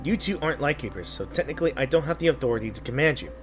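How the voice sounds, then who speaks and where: A man voicing an earnest, steadfast squad captain from a game, formal and measured. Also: medium pitch, lively intonation, over music, close to an everyday voice. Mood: serious.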